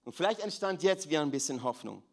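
Preacher swinging from hush to fervor. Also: male voice, fairly high pitch, animated, fast talker. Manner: dramatic swings between hushed and raised voice, repeats phrases. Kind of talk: sermon.

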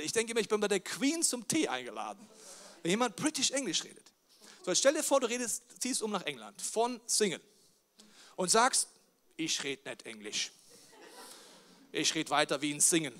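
A man, a pastor, giving a lively sermon, joking and firing questions at the congregation. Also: high voice. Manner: animated, jokey, talks straight to the crowd with questions. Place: church service with a live audience.

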